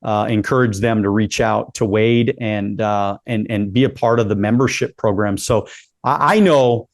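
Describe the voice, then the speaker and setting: A man's voice: lowish voice, fairly even intonation, normal speed, dry recording. A man in his late forties hosting a casual interview, upbeat and encouraging, often repeating himself as he talks. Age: 40s. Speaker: podcast host.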